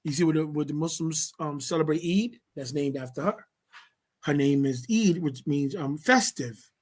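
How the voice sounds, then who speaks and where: A reader with a medium-pitched, darkish voice leads a study session, reading passages aloud and then explaining them casually. The delivery is slow and deliberate.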